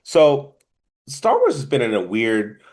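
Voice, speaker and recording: A man's voice: mid-range voice, huge pitch swings, slow, darkish tone. A man with a New Jersey accent co-hosting a casual film review podcast, rambling in a stop-and-start way. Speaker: podcast co-host.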